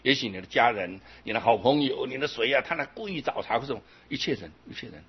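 Very husky man giving a lively dharma talk. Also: mid-range voice, fast, dull audio. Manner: animated, chanting examples at varied speeds, rhetorical questions. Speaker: Buddhist teacher.

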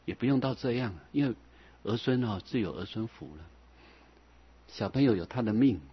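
A man preaches as a Buddhist monk, his husky voice set at a middling pitch. He talks in a folksy way, chuckling and dropping little fillers as he goes. The recording sounds dull and lo-fi. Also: lively intonation, normal speed. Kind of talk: Buddhist sermon.

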